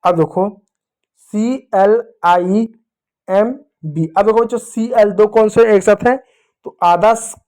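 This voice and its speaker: A male teacher giving an English lesson to children, slowly spelling out words letter by letter and repeating them. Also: sits high, darkish tone. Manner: slow, repetitive spelling-out of words.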